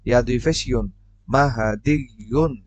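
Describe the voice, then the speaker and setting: A man in a step-by-step recitation lesson, spelling out each letter and vowel mark before blending them into syllables. His voice sits at an ordinary middle pitch. It is recorded close and dry, with no echo of a room. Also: normal speed, a little mellow. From Bangladesh. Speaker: Quran reading teacher.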